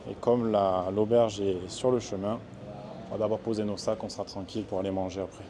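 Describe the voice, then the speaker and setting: Man vlogger, French speaker, low warm voice, casual and upbeat to camera. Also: slight background noise. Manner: chatty and upbeat, thinking aloud. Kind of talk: casual travel vlog. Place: outdoors in a small town, street and terrace.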